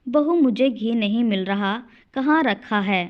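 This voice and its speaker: A woman voicing a gentle, meek elderly father-in-law who speaks softly and consoles his wife. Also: a little high, a little slow, muffled recording, close to an everyday voice.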